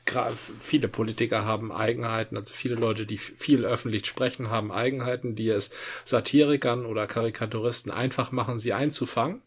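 A man on a podcast, explaining his views in a measured, emphatic way with pauses. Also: mid-range voice, fairly even intonation, slightly rough. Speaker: podcast co-host. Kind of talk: casual podcast chat.

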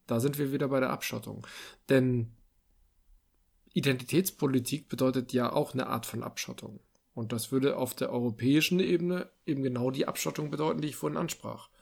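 A man's voice: mid-range voice, creaky, a little mellow. A man in a casual political discussion, thinking aloud with frequent fillers and restarts.

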